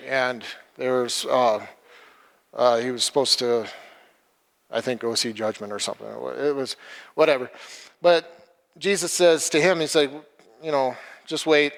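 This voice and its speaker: Male lay preacher, mid-pitched, plain conversational delivery, stumbles and repeats, long hall reverb. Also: gravelly. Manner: halting, repeats words, retells a film scene. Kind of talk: informal sermon. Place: church hall.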